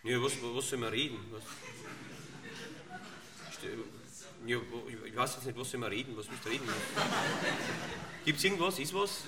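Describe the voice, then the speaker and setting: A man with an Austrian accent delivering a comic rant, grumbling and swearing, dropping to mutters and bursting into shouts. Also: medium pitch, normal speed, long pauses. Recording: distant mic with loud background noise.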